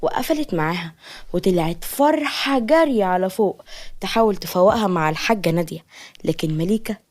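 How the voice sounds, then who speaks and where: A woman with an Egyptian accent narrates a dramatic romance story in an earnest, medium-pitched voice. She turns to her listeners now and then. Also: lively intonation, brisk, a little mellow. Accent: Egyptian Arabic.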